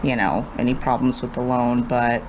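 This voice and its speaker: A woman with a notably deep voice chats easily on a podcast, friendly and quick to laugh. A faint hiss of noise sits under the recording. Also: steady tone. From Honduras. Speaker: guest, transaction coordinator. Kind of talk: casual podcast chat.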